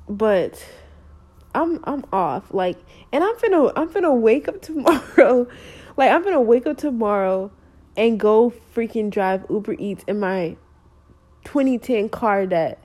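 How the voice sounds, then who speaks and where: A woman's voice: mid-range voice, mellow. A woman in her twenties ranting in a casual vlog, slangy, emphatic and exasperated. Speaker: vlogger. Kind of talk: frustrated casual rant.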